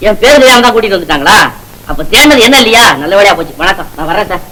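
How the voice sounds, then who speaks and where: A man's voice: high voice, expressive, racing, crowd noise, low-quality recording. An actor playing a bumbling, talkative male shop worker who rambles and pleads under police questioning, in old film comedy style. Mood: protesting. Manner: rambling, evasive and pleading, comic patter. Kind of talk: 1950s film comedy acting.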